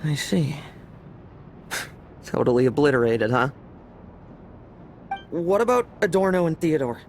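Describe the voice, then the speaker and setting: An actor playing a young roguish knight in a video game, teasing and theatrical. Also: male voice, fairly high pitch, lively intonation, a little slow, slight background noise. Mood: flippant. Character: young roguish knight, cocky, flippant, defiant.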